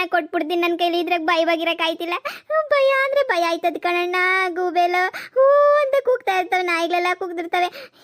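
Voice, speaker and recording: A hot-tempered cartoon village wife, voiced by a woman, speaks in a very high, shrill voice. She scolds and curses one moment and pleads the next. She is easily frightened, and her temper runs hot. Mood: pleading. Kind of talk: cartoon voice acting.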